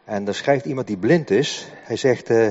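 An older man delivers a sermon in a church hall, his husky voice trailing into a long reverb. He speaks haltingly, repeating words as he works through his explanation. The recording is dull and muffled. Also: mid-range voice, darkish tone. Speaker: preacher.

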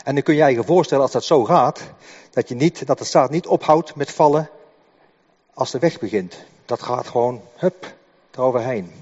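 In a church hall, an older male preacher with a husky, slightly mellow, medium-pitched voice delivers a sermon that trails into long reverb. He speaks haltingly, repeating words as he works through his explanation, and the recording sounds dull and muffled.

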